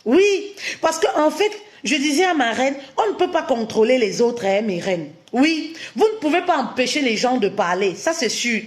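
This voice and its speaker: Brief: woman relationship coach on a live stream, voice on the high side, keeps punctuating with an insistent "yes" and repeats her points. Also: big pitch swings, moderate pace, hardly any pauses. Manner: punctuates sentences with emphatic "oui", many rhetorical questions; addresses listeners warmly as "my queens", repeats key phrases.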